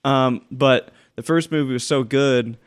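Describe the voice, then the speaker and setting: A man's voice: mid-range voice, fairly even intonation, measured pace, smooth. A young man co-hosting a casual lunch-break podcast, talking in a rambling way with many restarts. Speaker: podcast co-host. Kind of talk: casual chat.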